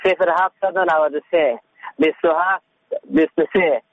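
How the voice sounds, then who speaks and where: A man's voice: a little high, a little hiss or hum. A man from Afghanistan with a Dari accent gives a spoken announcement as a caller on a radio phone line. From Takhar, Afghanistan.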